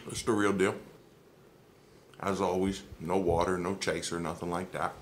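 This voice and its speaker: A man's voice: sits low, little pitch movement, moderate pace, slight background noise. A man chewing with his mouth full and hiccuping as he tastes and reviews spicy jerky at home on a phone camera, rambling with lots of ums. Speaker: food reviewer vlogger. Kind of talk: casual hot food tasting review.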